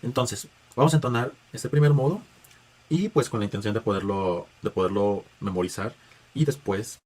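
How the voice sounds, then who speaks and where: A man's voice: lowish voice, a little mellow. A man gives a patient spoken music lesson, guiding students through chant tones with filler words and restarts. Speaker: music teacher.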